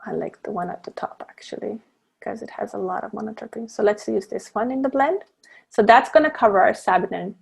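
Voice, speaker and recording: A woman's voice: medium pitch, brisk, gravelly, slightly rough. A woman leads an online class on blending essential oils over a video call. She explains each step patiently, but her sentences stumble, restart and fill up with ums and uhs. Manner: hesitant, with many fillers and restarts, explaining step by step. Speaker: guest presenter teaching essential oil blending. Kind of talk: online teaching demonstration.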